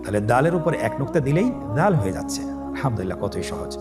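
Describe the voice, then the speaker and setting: A man teaching Arabic letters for Quran reading step by step, calm and patient, with a Bangladeshi accent, drawing out each letter sound for listeners to repeat. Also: mid-range voice, rapid-fire. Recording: voice over background music.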